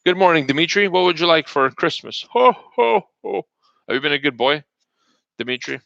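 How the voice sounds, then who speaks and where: A man putting on a jolly old Santa Claus voice, teasing with a booming ho-ho-ho. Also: animated, normal speed, gravelly, sharp tone, no echo, dull audio, exaggerated voice. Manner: booming playful ho-ho-ho.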